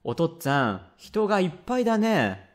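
A man's voice: a little high, sing-song, moderate pace, pitched above the performer's own voice. A man voicing a cheeky, pestering little boy who wheedles his father for treats in a rakugo tale. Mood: wheedling. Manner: wheedling, whiny. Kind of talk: rakugo storytelling.

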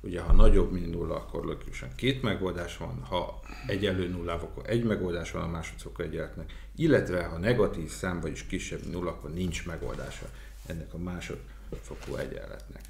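Very deep, gravelly male math tutor. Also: roomy sound, a little hiss or hum. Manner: explains with everyday examples, many hesitations. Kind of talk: casual exam-prep explanation.

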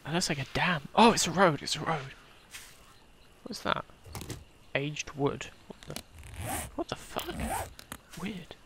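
A man playing a survival game and commenting for his viewers, dropping to a whisper while sneaking and swearing in loud startled bursts. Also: a little high, lively intonation, takes it slowly, long pauses, slight background noise. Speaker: gaming video host. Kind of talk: let's play commentary. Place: indoors at a desk with facecam.

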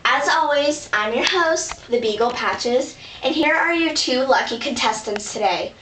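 A woman's voice: sits high, expressive, fairly bright tone. A woman doing a bossy dog host. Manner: brisk, impatient, emcee patter. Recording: roomy distant home recording, faint hiss.

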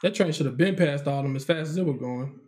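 A man's voice: on the high side, quick pace. A man co-hosting an anime reaction, chatting casually and joking, often acting out bits in silly voices. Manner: animated, jokey, acts out lines in put-on voices.

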